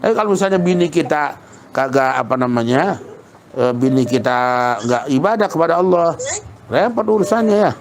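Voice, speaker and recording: A man giving a casual religious lesson, colloquial and lively, repeating points for emphasis. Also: fairly high pitch, normal speed, slight background noise. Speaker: Islamic preacher.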